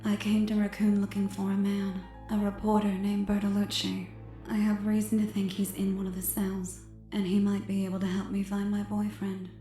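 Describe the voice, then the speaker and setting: Woman acting Ada Wong, cool bright-voiced femme fatale. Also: medium pitch, monotone, normal speed, reverberant, soft background music, close to an everyday voice. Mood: composed, purposeful. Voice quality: satiny. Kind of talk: audiobook drama character dialogue.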